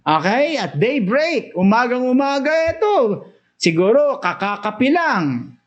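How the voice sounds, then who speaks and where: A man's voice: extremely high pitch, sing-song, measured pace, muffled recording. A man with a Filipino accent preaching a Bible study sermon, switching between Tagalog and English, reading verses aloud and then explaining them with rising, emphatic bursts.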